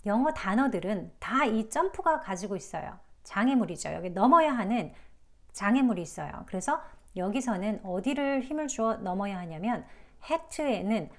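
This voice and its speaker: A woman teaching English pronunciation in an online lesson. She speaks patiently and politely, with an encouraging tone, and says each sound slowly to demonstrate it. Her voice sits in a middle range. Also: medium pitch, expressive.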